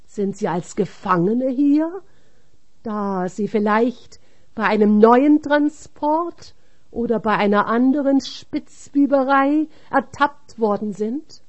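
A woman's voice: on the high side, slow, muffled recording. A woman reading the lines of a humble, devoted woman follower in an earnest, plain way.

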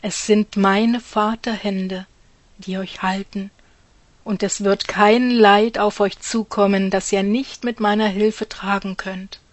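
A woman reads a devotional message in a slow, unhurried voice, speaking as God the Father. Her tone is earnest and exhorting, and her phrase endings often fall to a hushed softness. The recording is dry and close, with no room sound. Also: medium pitch, dry recording.

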